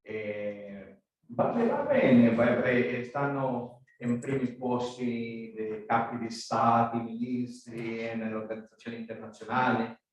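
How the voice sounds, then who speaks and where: A native Spanish-speaking man with a Spanish accent gives a conference address as guest speaker, haltingly searching for words in a language not his own. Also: mid-range voice. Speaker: guest speaker, maritime law institute director. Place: echoey conference room. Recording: very echoey room, distant microphone.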